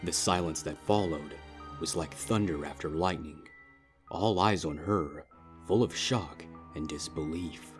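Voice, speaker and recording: Reading scripted prose as the narrator, a deep-voiced man tells a dramatic story at a measured pace. Music plays beneath his voice.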